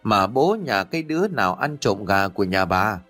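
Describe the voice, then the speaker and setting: A man's voice: big pitch swings, normal speed, fairly bright tone, soft background music. A man doing a spiteful cursing village crone. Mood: furious cursing. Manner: shrill, spiteful ranting curses. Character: foul-mouthed old village woman cursing neighbors.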